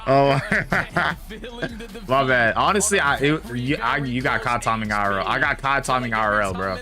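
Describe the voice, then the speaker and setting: A man hosting a live-stream watch party, chatting casually with slang and quick self-corrections. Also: mid-range voice, faint music behind. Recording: loud match broadcast crowd behind. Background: esports broadcast audio with crowd.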